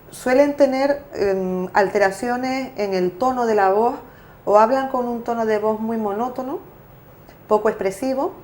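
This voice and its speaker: A woman's voice: medium pitch, darkish tone. A woman, explaining at length as an interview guest, with frequent fillers and self-corrections. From Canary Islands. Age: 40s. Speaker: interviewee, parent and association president. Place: local TV studio.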